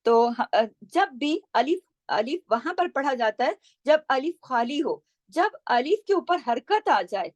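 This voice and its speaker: A woman teaching Quran recitation rules, patiently explaining and slowly repeating syllables to model each sound. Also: high voice, big pitch swings, darkish tone, dry recording, lo-fi sound. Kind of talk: tajweed lesson, explaining pronunciation.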